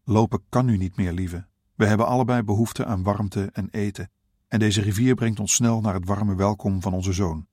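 A tired old husband in a storybook reading, courteous and gently reassuring, as a male narrator plays him. His voice sits low and sounds dry and close. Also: steady tone, moderate pace, no room sound, natural voice. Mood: soothing. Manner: polite, soothing.

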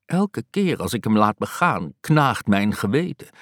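A man voicing a fussy, soft-hearted old aunt who scolds in a shrill, exasperated way, in an audiobook reading. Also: big pitch swings, a little slow, no echo, clean studio sound.

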